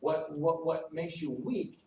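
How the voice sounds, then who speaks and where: Animated man coaching a room. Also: fairly high pitch, a little slow, dull audio, a little hiss or hum. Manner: animated, salesy, joking with the audience. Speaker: recruiting trainer speaking to a team. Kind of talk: live motivational training talk. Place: meeting room at a regional event. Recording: echoey room from a distance, faint ambience.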